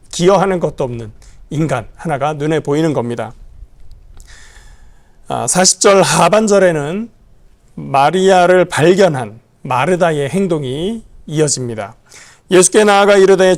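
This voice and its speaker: Storytelling male pastor, higher voice. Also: darkish tone. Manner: vivid storytelling, acting out scenes. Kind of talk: holiday sermon.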